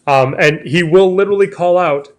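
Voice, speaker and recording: A man's voice: sits high, moderate pace. A man hosting a casual travel chat, talking in a chatty way and restarting his sentences often. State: has the hiccups. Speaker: travel show host.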